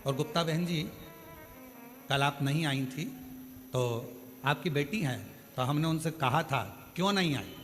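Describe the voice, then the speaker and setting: A man's voice: on the high side, lively intonation, a little slow, long pauses, fairly bright tone, in a large hall, soft background music. A man delivering a sermon, preaching in dramatic bursts with many rhetorical questions.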